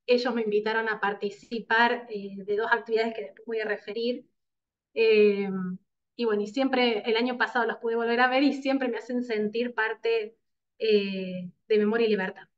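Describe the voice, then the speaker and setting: A woman in her thirties with a Córdoba Argentine accent delivers a formal seminar presentation from her home over a video call. Her voice sits a little high, and she paces herself with frequent "eh" pauses. The audio comes through her webcam a little muffled and lo-fi. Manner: measured, speaks with frequent "eh" pauses. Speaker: seminar speaker. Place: home room with plants, indoors. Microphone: laptop webcam on a video call.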